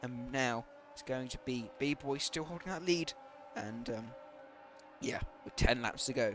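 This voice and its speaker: A man's voice: medium pitch, normal speed, a bit bright, slight background noise. A man doing live commentary on an online racing league, talking hesitantly with many fillers, saying he is losing his voice.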